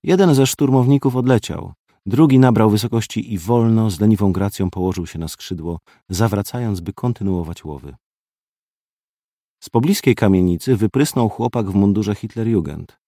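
Gruff low-voiced man narrating. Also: moderate pace, warm tone, no room sound, clean studio sound. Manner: terse, gruff. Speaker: audiobook narrator. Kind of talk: first-person audiobook narration.

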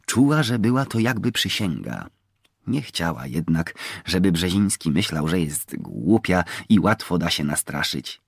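A man narrating a novel in an expressive storytelling manner. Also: deep voice, unhurried, vocal fry, slightly rough, no room sound, studio quality. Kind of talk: audiobook narration.

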